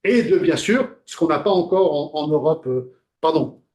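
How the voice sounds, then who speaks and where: A lecturer teaching a class, his voice pitched high for a man. He keeps it conversational, firing questions at the room and leaning on filler sounds between ideas. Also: lively intonation, moderate pace, a little mellow.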